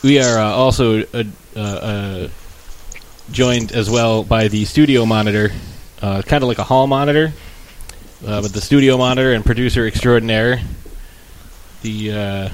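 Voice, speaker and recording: A man's voice: fairly low pitch, moderate pace, slight background noise, poor audio. A man hosting a podcast with rambling, dry joking introductions and casual comic banter. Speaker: podcast host.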